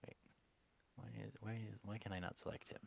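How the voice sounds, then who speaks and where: A man running a tabletop game as game master, narrating casually and haltingly on a slightly muffled mic. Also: fairly low pitch, little pitch movement, creaky, slight background noise.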